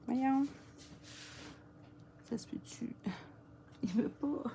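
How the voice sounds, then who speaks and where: A woman's voice: high-pitched, drawn-out words, creaky, mellow, a little hiss or hum. A woman with a Quebec French accent giving a casual crafting tutorial, chatting and muttering to herself as she works. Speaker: papercraft demonstrator.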